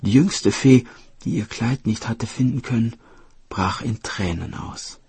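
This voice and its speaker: A man narrating a fairy tale in an expressive, lively reading style. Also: medium pitch, a little slow, slightly rough, no echo. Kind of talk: storybook narration.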